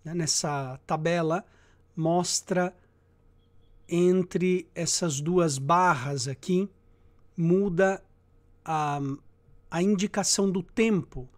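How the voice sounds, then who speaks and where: A man teaching Latin grammar in a lecture, explaining slowly and checking in with his students, and chanting verb endings. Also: high-pitched. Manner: slow and deliberate, checks in with "tá?" and "né?".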